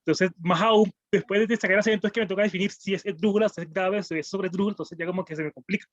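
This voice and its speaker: Man, student; quick and hesitant, high voice, muffled dry line. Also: fairly even intonation, dry recording. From Colombian Caribbean coast. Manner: quick, hesitant, thinking aloud.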